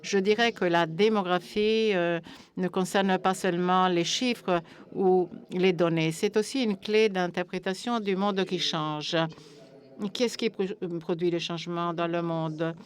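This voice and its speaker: Female interpreter, voice a little on the low side, relaying a panel speaker's remarks live. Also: fairly even intonation, measured pace.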